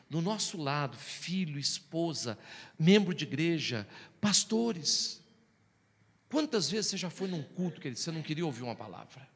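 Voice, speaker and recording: Gravelly-voiced Brazilian-born male preacher. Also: mid-range voice, big-room sound. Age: has children. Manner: storytelling, animated, addresses listeners as brothers. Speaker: pastor. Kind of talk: sermon.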